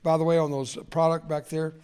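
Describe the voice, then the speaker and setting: An older man whose first language was Spanish preaches a sermon in a folksy, self-deprecating style, moving from jokes to quiet, personal moments. His voice is on the high side and clean in tone, level and fairly quick.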